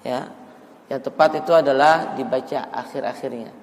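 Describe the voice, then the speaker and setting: A man teaching melodic Quran recitation in a mosque, explaining the rules calmly and then chanting verses slowly to show the tune. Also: mid-range voice, big-room sound. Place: mosque hall.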